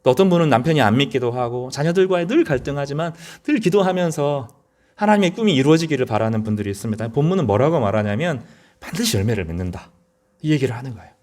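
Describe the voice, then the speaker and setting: A man's voice: medium pitch, expressive, fast, darkish tone. A middle-aged male pastor giving a sermon in an earnest, conversational way, often rising to emphatic peaks.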